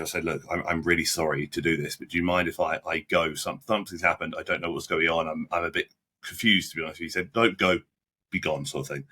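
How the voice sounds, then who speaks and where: Husky-voiced young man telling a story. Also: sits low, bright, forceful tone. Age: 20s. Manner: halting, frequent restarts and repeated words; blunt, plain-spoken with British slang. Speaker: podcast guest. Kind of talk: casual interview storytelling.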